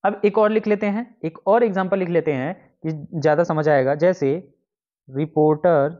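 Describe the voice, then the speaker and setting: A male English teacher gives an exam-prep grammar lesson, explaining step by step and repeating his own questions while writing out examples. His voice sits high with fairly even intonation and a slightly fast pace, captured in a dull lo-fi lesson recording.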